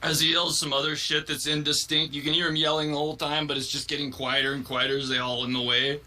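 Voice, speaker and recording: A man's voice: a little high, level tone, fast, sharp tone. Giggling man telling a funny story. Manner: giggling and laughing through the telling. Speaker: video creator. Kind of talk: comic storytelling.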